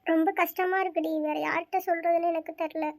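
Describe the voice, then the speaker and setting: A heartbroken young woman in a cartoon story, voiced by a woman, tearful and despairing. Her voice sits very high. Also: flat delivery, quick pace. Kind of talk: cartoon voice acting.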